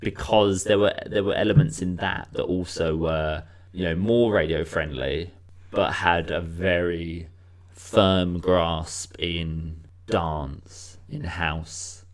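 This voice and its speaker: A man's voice: deep voice, steady tone, takes it slowly, few pauses. A man hosting a casual music review chat, rambling with frequent restarts. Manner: rambling, restarts, many "you know".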